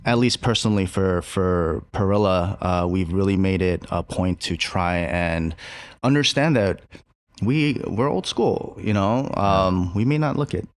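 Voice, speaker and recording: In a relaxed podcast talk, this male restaurant co-owner and chef speaks low-pitched, pausing often with fillers and false starts as he reflects. There's no room sound.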